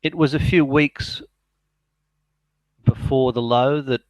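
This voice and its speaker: A man with a clear, smooth voice of middling pitch dictates market analysis in a dry, close acoustic. He speaks the punctuation aloud as he goes, his voice falling away on those commands. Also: steady tone, takes it slowly, no room sound. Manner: dictating, voice dropping on spoken punctuation.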